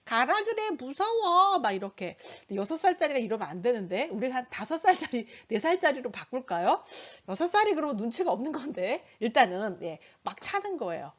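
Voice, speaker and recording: A middle-aged woman giving an online parenting lecture, animated and asking the audience questions as she acts out parent and child dialogues. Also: fairly high pitch, brisk, few pauses, dull audio. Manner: asks the audience rhetorical questions.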